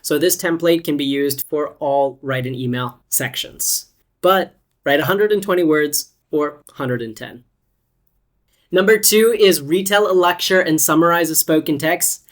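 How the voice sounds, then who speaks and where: An English test-prep teacher giving a scripted online lesson, explaining step by step with lively rises and falls. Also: mid-range voice, unhurried. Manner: clear, explanatory, instructive.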